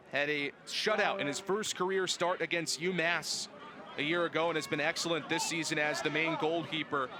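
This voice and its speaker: Heavy background noise surrounds a fairly high male voice calling live sports. He's an announcer and host in his early twenties whose polished, emphatic delivery carries play-by-play and show openings.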